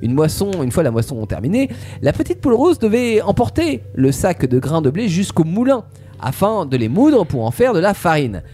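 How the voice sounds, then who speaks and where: A man's voice: sits high, huge pitch swings, normal speed, warm tone, soft background music. A man casually telling a fairy tale to friends, playful, with fillers and asides. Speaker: storyteller.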